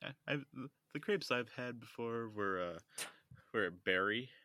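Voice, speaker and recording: A man's voice: medium pitch, lively intonation, unhurried, sharp tone, no room sound, clean studio sound. A man with a standard American accent chatting casually and teasingly as a podcast co-host. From United States. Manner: teasing, joking. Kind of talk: casual chat.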